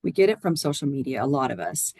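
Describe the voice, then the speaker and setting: A woman's voice: rumbling low, very animated, quick pace, gravelly, a little mellow, no room sound. A woman giving earnest, explanatory answers as a guest in a conversational interview. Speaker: podcast guest, hospice nurse and educator.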